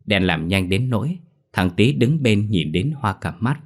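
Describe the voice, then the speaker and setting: A man narrating a horror story in a steady, measured storytelling manner. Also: fairly low pitch.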